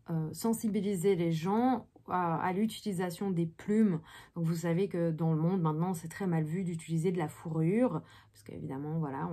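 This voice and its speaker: A woman in her thirties, originally from Belgium, talks through her day in a relaxed vlog. Her voice sits fairly low, and she fills her sentences with hesitations as she chats. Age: 30s. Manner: chatty, many fillers. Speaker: actress vlogger. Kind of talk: casual daily vlog.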